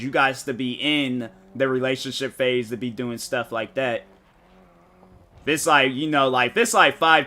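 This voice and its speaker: A man streaming a game chats loosely, piling up slang as he tells a story. His voice is bright and forward, with a mid pitch. He jumps into little acted-out lines of other people as he goes. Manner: rambling storytelling, slangy, animated, mock-quotes people. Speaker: gaming streamer. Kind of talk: casual chat while streaming a game.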